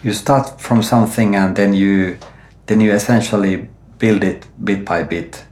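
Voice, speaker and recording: The middle-aged host of this interview podcast has a lowish, steady, slightly mellow voice and a measured pace, though he speaks hesitantly in non-native English, full of fillers and restarts. He has a Finnish-sounding name, his first language is not Swedish, and his origin goes unstated. The recording echoes in a roomy space.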